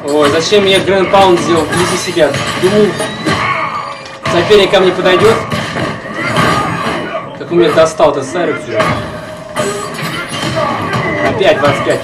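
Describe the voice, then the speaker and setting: A man's voice: high-pitched, moderate pace, long pauses, over a noisy crowd. A man giving casual, grumbling, exasperated commentary while he streams a video game. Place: indoors, in front of a TV. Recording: distant mic, loud game audio. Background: loud game music and sounds.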